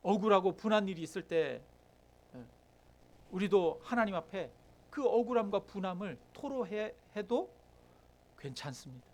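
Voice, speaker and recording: A middle-aged male pastor delivers a sermon in a notably high voice. He keeps turning to the congregation with questions, then acts out heated prayers, his voice rising with feeling. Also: animated, moderate pace, long pauses.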